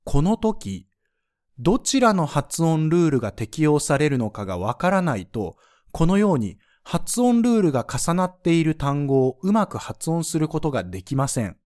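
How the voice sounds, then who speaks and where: A man's voice: on the high side, sing-song, moderate pace, a little mellow. A man teaching French pronunciation in a scripted lesson, explaining the rules patiently and spelling out sounds one by one.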